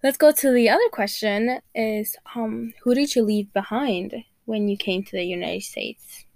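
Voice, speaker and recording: Speaking unhurriedly, this host of a student podcast is a teenage girl whose fairly high voice sounds gravelly and a little mellow. She reads an intro and poses questions, often dropping in "like" as a filler, in a dry recording.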